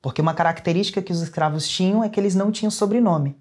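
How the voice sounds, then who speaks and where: Racing along in a high-pitched voice with a darkish tone, a young Brazilian-accented man tells a personal story in earnest. He's a guest in a casual interview.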